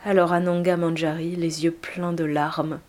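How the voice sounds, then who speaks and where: A woman reading an old tale aloud in a soft, measured way, at times near a whisper. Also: fairly low pitch, flat delivery. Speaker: narrator.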